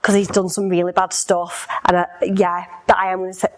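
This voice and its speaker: A woman's voice: fairly low pitch, level tone, fairly quick, background noise. Giggly woman gushing in casual chat. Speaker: podcast co-host.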